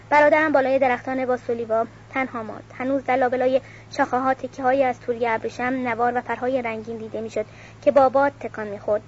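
A woman reading a novel aloud at a measured pace, announcing page numbers, on a dull recording with faint hiss. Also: fairly high pitch. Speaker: audiobook reader.

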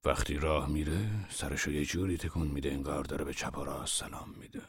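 An actor playing an irritable old master painter who scolds and lectures in a gruff voice. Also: male voice, a bass voice, fairly even intonation, no room sound, clean studio sound, exaggerated voice. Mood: lecturing. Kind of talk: audio drama acting.

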